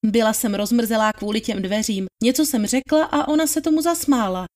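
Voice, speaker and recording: A woman's voice: a little high, darkish tone, lightly acted. A woman reading the part of a deferential young housemaid giving witness testimony in plain, polite answers. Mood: testifying. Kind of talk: dramatized trial testimony reading.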